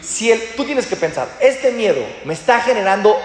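Guy giving a religious talk, high voice that jumps all over, acts out little scenes. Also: normal speed, soft background music. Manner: animated, acts out little dialogues and asks rhetorical questions. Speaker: religious teacher. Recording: very echoey hall with long reverb.

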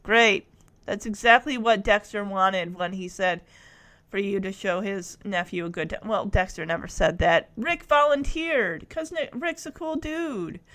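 A woman casually recapping a sitcom episode, chatty and acting out the characters' lines in quick quotes. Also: mid-range voice, a bit bright.

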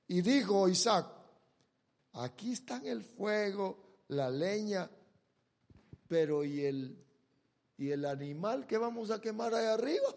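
A man preaches a sermon, retelling a Bible story and performing the characters' lines as he swings dramatically between loud bursts and quiet, drawn-out words. His voice is high-pitched and creaky.

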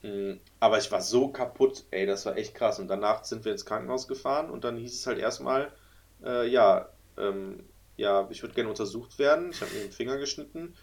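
A man's voice: on the low side, normal speed. A man from Germany telling a story in a casual podcast chat, acting out the voices in it. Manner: animated, acts out voices in his stories.

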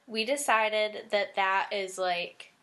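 A woman's voice: medium pitch, slow pace, fairly bright tone. A young woman co-hosting a podcast in casual chat, chatty and giggly, sometimes tripping over her words. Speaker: podcast co-host.

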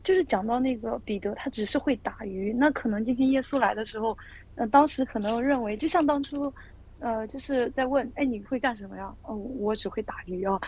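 A woman's voice: on the high side, darkish tone, breathy edge, highs cut off. A woman guest sharing a personal testimony in a casual Bible study, telling it as a story with many fillers.

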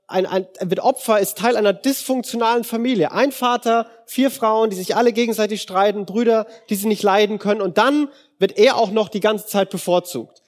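A young man preaches in a relaxed, slangy way, retelling an old story as if chatting with friends. His voice sits fairly high and he acts out the quoted lines with shifting tones. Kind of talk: casual youth sermon retelling a Bible story.

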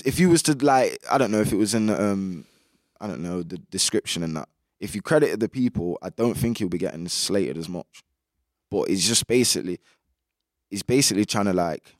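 Young male music artist, British roadman accent and slang, lowish voice, dry recording, chatty and opinionated. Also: no echo. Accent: British urban roadman. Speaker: music artist being interviewed. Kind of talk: casual interview chat.

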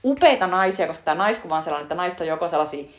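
A woman with a somewhat low voice chats casually as a podcast co-host. She retells film scenes eagerly and keeps reaching for filler words as she goes. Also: lively intonation. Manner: chatty retelling full of fillers, breaks into laughter. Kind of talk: casual chat.

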